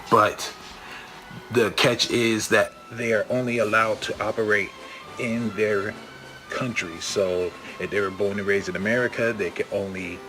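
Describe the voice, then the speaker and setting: A man, a comic book writer, casually pitching his book to camera in an easygoing, enthusiastic way, with plenty of fillers. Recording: music playing underneath.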